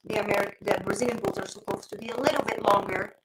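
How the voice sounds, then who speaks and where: A woman dog breeder, a guest in a casual online interview, talking on a video call in an animated way with many restarts. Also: mid-range voice, quick pace, background noise. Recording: choppy internet audio.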